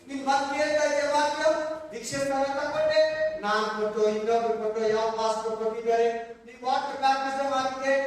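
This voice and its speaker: A man preaching a Sunday sermon as pastor, impassioned and repetitive, with emphatic call-outs and English words mixed into his sentences. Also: very high voice. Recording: very echoey church hall, voice from far off.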